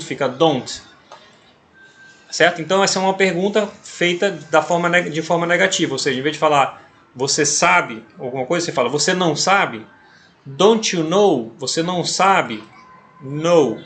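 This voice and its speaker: Slow, patient Brazilian man teaching English. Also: on the high side, a bit bright, a little hiss or hum. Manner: slow and patient, with frequent checking tags. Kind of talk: explaining a text as an English lesson.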